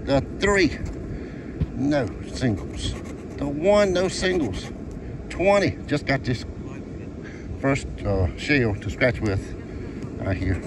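A man's voice: medium pitch, very animated, slow, pauses often. A middle-aged man, cheerfully calling out numbers as he scratches lottery tickets on a beach, recorded on a phone held close. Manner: cheerful running commentary, calls out numbers one by one. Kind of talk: casual upbeat vlog chat. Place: outdoors on a sandy beach by the ocean. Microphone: phone camera held close, pointed down. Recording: phone audio with wind and surf noise outdoors.

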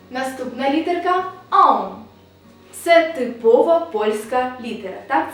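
High-voiced woman teaching in an echoey room. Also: a bit bright, distant mic. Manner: patient, explanatory, often checks with "так?". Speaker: Polish language teacher. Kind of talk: video language lesson. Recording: echoey room, voice a bit off-mic.

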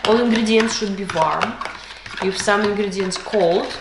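This woman has a gravelly, mid-range voice and a moderate pace, instructing her child in a home baking lesson at the kitchen table with patience, in non-native English laced with Russian. The camera across the table captures a very noisy, echoey kitchen full of clattering dishes.

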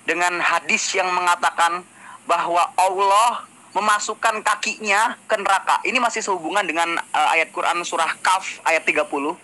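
A man's voice: a little high, sharp tone, rough recording. A man speaking in a voice-note debate, mocking and sarcastic as he argues. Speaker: religious debater.

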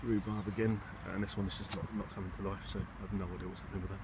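Speaking in a fairly low voice with a flat delivery, an English allotment gardener races through a casual video tour of his plot and polytunnel. He sounds low-key and a bit hesitant, thinking aloud, while his handheld phone or camera records clear wind and rumble behind him.

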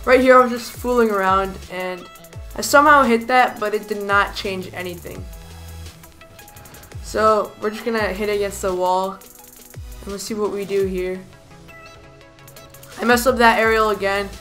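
A hoarse woman giving chatty, self-deprecating commentary over her own gameplay as a gaming YouTuber. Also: mid-range voice, steady tone, moderate pace, pauses often, a bit bright, soft background music. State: hoarse, lost voice.

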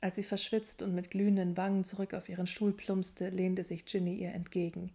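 Woman reading an audiobook, steady storytelling, mellow low voice. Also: fairly quick, breathy edge. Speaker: audiobook narrator. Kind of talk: scripted narration of a fan story.

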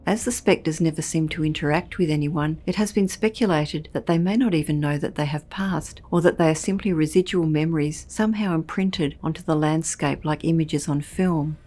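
A woman reading a scripted documentary narration in a measured, ominous storytelling manner. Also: deep voice, warm tone.

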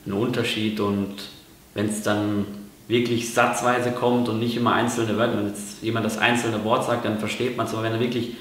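A man from Germany, vlogging casually, explains things with frequent fillers and false starts. His voice is on the low side and a bit bright, and the room is very echoey.

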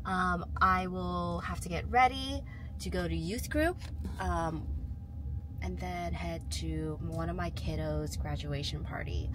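A woman's voice: on the low side, slow pace, noisy background. A woman and mom talking casually to camera in a rambling, chatty vlog with lots of fillers. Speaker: vlogger and mom.

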